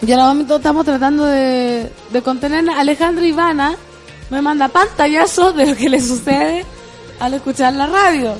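Chilean woman, morning radio host, high bright voice, playful and jokey, music faint underneath. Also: normal speed. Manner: playful, joking, rambling. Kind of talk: morning radio chat reading listener messages. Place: radio studio.

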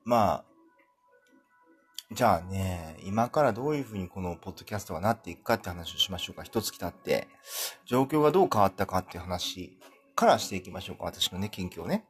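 A man from talks on his solo podcast, his coming through in a fairly low, husky voice. His pitch swings widely as he rambles, pokes fun at himself and breaks into laughter. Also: expressive, a little fast. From Kumamoto, Japan. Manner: rambling, self-deprecating, laughs often. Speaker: podcast host.

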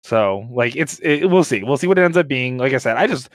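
A man's voice: mid-range voice, animated, brisk, no room sound, studio quality. Slangy frat-bro guy chatting. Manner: slangy frat-bro talk, saying bro and dude, swearing. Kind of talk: casual group chat about games and anime.

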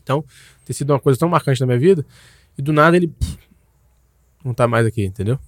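A man's voice: medium pitch, fast talker, dry recording, studio quality. A young man, telling a personal story in a loose, slangy way, full of restarts and tags. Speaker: guest.

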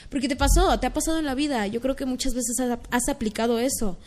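A young woman with a Mexican accent in casual, earnest chat, telling stories and dropping to soft murmurs. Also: high voice, quick pace. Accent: Mexican Spanish.

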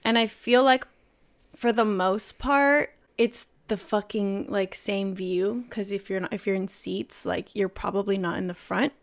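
Young woman with a gravelly, creaky voice. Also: mid-range voice, steady tone, unhurried. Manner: laid-back, swears casually, trails off. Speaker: podcast co-host. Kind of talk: casual chat.

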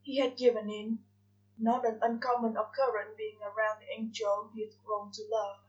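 A woman reading fanfiction aloud in soft, measured narration. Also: a little high, level tone. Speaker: fanfiction reader. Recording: dull lo-fi recording.

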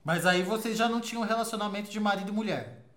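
A woman interviewer who gives brief prompts and asks quick follow-up questions. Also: medium pitch.

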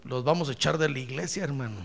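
A male pastor preaching a sermon, addressing the congregation directly and swinging from hushed asides to shouts. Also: medium pitch, fast, creaky. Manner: acts out quoted voices and addresses congregation directly.

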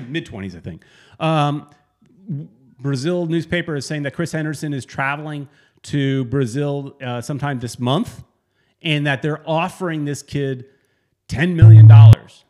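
A man co-hosting a casual sports podcast, rambling and correcting himself as he talks, with sudden animated bursts. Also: fairly high pitch, a little slow. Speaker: podcast co-host.

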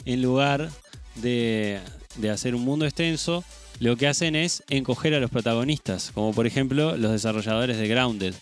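A man's voice: medium pitch, normal speed, soft background music. Man co-hosting gaming news chat.

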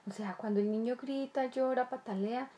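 A woman's voice: a little high, moderate pace, mellow, a little hiss or hum. A woman talking earnestly to parents about raising children, repeating phrases and asking rhetorical questions. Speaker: child development speaker. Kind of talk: explanatory talk to parents.

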